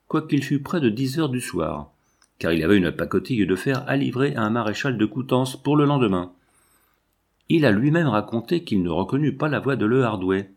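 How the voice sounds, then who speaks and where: A man reading a classic novel aloud as audiobook narration, measured and steady. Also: lowish voice, gravelly. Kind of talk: scripted literary narration.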